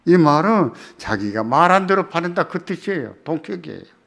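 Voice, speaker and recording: A male pastor delivers a sermon with a lively, wide-ranging pitch and a bright, forceful tone. He poses rhetorical questions to his listeners and drives points home by repeating them. His delivery swings between emphatic loud lines and soft ones. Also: normal speed, gravelly. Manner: asks the congregation rhetorical questions and repeats key phrases. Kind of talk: sermon at a church prayer meeting.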